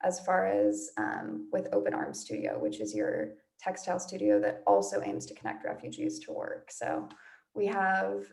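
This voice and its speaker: A woman's voice: rumbling low, very animated, moderate pace, vocal fry, darkish tone. A woman hosting an online session in a casual, effusive, gushing manner. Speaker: host.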